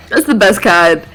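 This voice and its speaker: A woman's voice: medium pitch, fairly bright tone. A woman player joking and teasing in a tabletop game chat. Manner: giggly, teasing.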